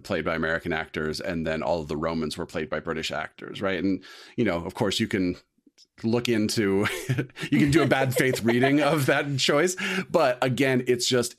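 A man with a low, deep voice talks through a film in an easygoing podcast chat. He rambles, circles back and restarts his sentences, leaning on fillers as he works out each point. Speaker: podcast co-host. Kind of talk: casual film discussion.

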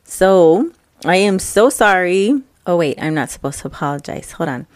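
A young woman hosts her own casual podcast, chatting loosely and expressively at a normal speed while stuffed up from allergies. Her voice is lowish, with no echo in the sound. She's right up on the mic, and her breathing is audible.

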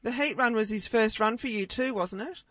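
A woman's voice: fairly high pitch, moderate pace, no room sound. An Australian woman co-hosting a racing radio show, interviewing and giving tips. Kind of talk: sports radio interview and tipping.

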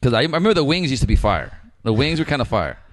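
Fast-talking slangy man. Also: mid-range voice, very animated. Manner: rapid, slangy and profane. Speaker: podcast co-host. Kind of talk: casual chat.

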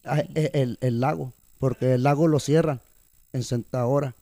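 A man's voice: mid-range voice, normal speed, no room sound. A young man, telling a story in a casual chat and mixing English words into his slang. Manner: animated, mixes English words into Spanish slang.

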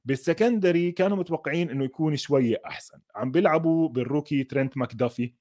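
A man with a Levantine Arabic accent talks sport in a casual, off-the-cuff way as an analyst. His voice sits a little high, and he speaks very quickly, dropping English terms into his sentences. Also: dark tone. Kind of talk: casual unscripted football commentary.

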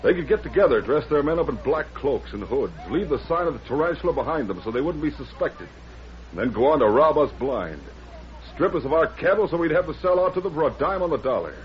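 An indignant rancher in an old radio western, convinced of a plot. His delivery is emphatic and blustering, with wide swings in pitch, on a dull vintage recording. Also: sing-song, fast talker. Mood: resentful, suspicious. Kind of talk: 1940s radio western acting.

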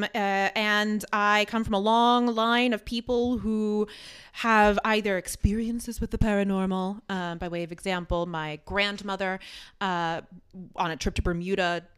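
Bright, clear-voiced woman from Queens. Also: medium pitch. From Queens, New York. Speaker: podcast co-host. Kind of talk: casual chat.

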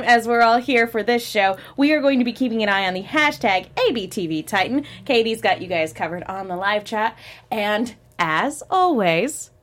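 Lively chatty woman hosting. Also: fairly high pitch. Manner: upbeat, chatty, laughs often. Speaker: host. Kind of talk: casual chat.

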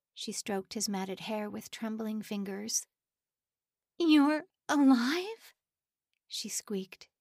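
A woman narrating an audiobook in a steady, measured storytelling voice. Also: mid-range voice, dry recording, studio quality.

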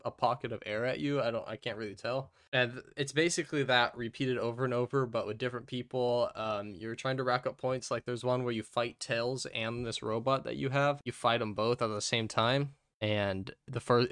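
A man hosting a casual gaming podcast, talking in a rambling, halting way with his speech muffled by gauze in his mouth. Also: mid-range voice, fairly even intonation, fairly bright tone, no room sound, studio quality. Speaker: podcast host.

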